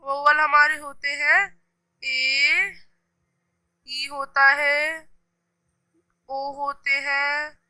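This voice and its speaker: A woman's voice: high voice, sharp tone, no echo, poor audio. A woman teacher with an Indian accent explaining a grammar worksheet step by step and reading example sentences aloud. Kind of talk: classroom grammar lesson.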